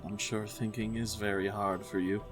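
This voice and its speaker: Brief: a man doing a smooth male negotiator, low voice, polite and dryly sarcastic. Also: flat delivery, normal speed, over music, natural voice. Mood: sly. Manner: polite and sly, with dry sarcasm. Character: smooth-talking adventurer, male.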